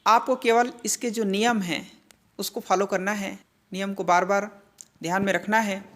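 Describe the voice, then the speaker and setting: A Hindi grammar teacher with a medium-pitched voice gives a classroom-style grammar lesson at a steady, deliberate pace, slowly spelling out each sound. She asks questions and answers them herself, and she often checks in with her students using "theek hai" and "hai na."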